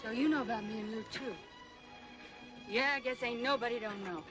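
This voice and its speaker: High-voiced, impulsive young frontier woman, played by an actress. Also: a little fast, close to an everyday voice. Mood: ashamed, upset. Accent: American Western. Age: young adult. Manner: artless, emotional, uneducated frontier speech. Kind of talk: 1940s Western film acting. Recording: old film soundtrack with music.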